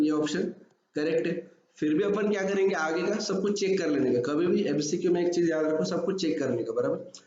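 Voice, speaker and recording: A man walks students through exam math problems, asking them rhetorical questions as he goes. His voice sits a little high and sounds mellow. The recording is dull and strongly echoey, with a faint hiss behind it. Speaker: math teacher. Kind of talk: exam-prep math lesson. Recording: echoey room, slightly dull audio.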